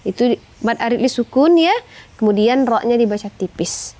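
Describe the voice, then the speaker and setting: A woman teaching Quran recitation rules, explaining slowly and singing verses in long melodic phrases. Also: fairly high pitch, animated, dark tone. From Indonesia. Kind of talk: tajwid lesson with sung recitation.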